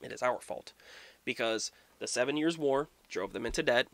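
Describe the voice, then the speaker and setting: A man's voice: medium pitch, lively intonation, moderate pace, vocal fry. A young man giving a casual, profane and sarcastic history rant as a vlogger.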